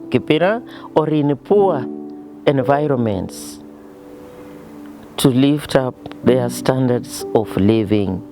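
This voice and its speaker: A religious sister from the association speaking in a measured, deliberate way in a documentary interview. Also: female voice, low voice.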